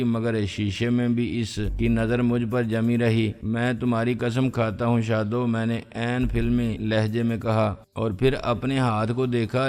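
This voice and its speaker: Male storyteller reading a long serial; smooth, resonant, level. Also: mid-range voice. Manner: steady, even reading. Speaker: story narrator. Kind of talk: storytelling narration.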